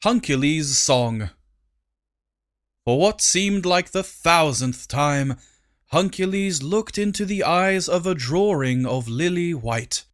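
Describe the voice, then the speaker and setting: A man reads a comic storybook aloud. His pitch moves a lot, and he takes his time. His playful storytelling keeps each scene animated. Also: slow pace. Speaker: audiobook narrator. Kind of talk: scripted storybook narration.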